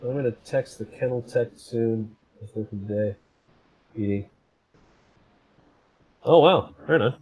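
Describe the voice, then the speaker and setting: A man's voice: medium pitch, a little slow, pauses often, darkish tone, slightly rough. A man hosting a casual livestream, joking and laughing often while he rambles about fixing his computer. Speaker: livestream host. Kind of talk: casual stream chat.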